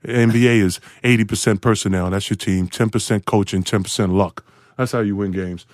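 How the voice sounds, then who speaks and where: A man in his forties, a podcast guest, telling an animated story. He laughs often and jumps into high, excited voices. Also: fairly quick, no room sound, clean studio sound.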